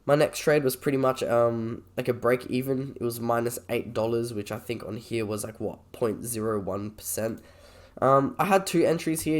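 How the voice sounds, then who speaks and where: A man with a croaky, slightly sick voice, talking informally and a little hesitantly as he reviews trades on a screen recording. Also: medium pitch. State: sick with a cold or cough. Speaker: trader presenting a video.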